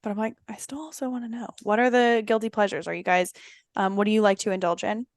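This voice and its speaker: A woman's voice: mid-range voice, steady tone, quick pace, no echo. A woman hosting a podcast in casual chat, talking in a rambling way and asking her guests lots of questions. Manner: chatty, rambling, asks many questions. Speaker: podcast host.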